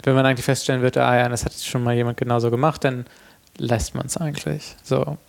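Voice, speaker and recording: A man talks reflectively with a creaky, gravelly edge. His pitch moves little as he hesitantly works through his thoughts in conversation. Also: little pitch movement, quick pace. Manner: hesitant, thinking aloud. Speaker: artist discussing a project.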